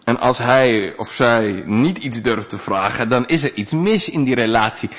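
A male pastor giving a sermon in a conversational, animated way, with big swings in pitch. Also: unhurried.

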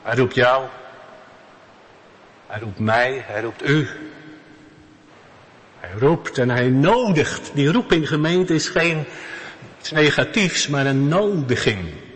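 A male pastor delivers a sermon at an unhurried pace. His voice is bright and forceful, and he leans on repeated words for emphasis. A long church reverb trails after each phrase. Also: mid-range voice, expressive. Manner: slow, emphatic preaching with repetitions.

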